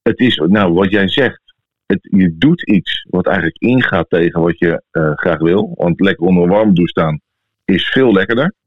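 Low-voiced Dutch man on an echoey phone-like recording. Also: lively intonation, normal speed. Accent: Dutch from the Netherlands. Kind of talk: casual podcast chat. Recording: thin phone-like sound, echoey room.

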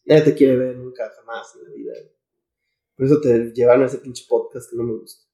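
A man's voice: mid-range voice, steady tone, fairly quick, warm tone. A man with a Mexican accent hosting a casual comedy podcast, bantering in slangy, profane, irreverent laddish style. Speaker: podcast host. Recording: echoey room.

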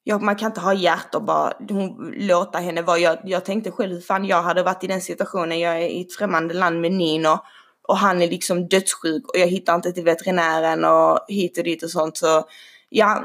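Animated woman telling a story. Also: on the low side. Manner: animated, swearing, acts out quotes. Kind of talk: casual storytelling.

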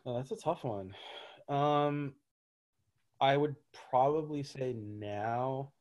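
A man's voice: mid-range voice, slow pace, a little mellow. A man, a gym owner, answering interview questions in a loose, rambling way with lots of fillers and restarts. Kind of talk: casual interview talk.

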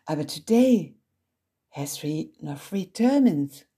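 A woman's voice: sits low, lively intonation, slow, dark tone, breathy edge, heavily acted. A woman voicing a showy young circus girl who speaks with a put-on American accent and mixes broken English into German. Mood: bubbly.

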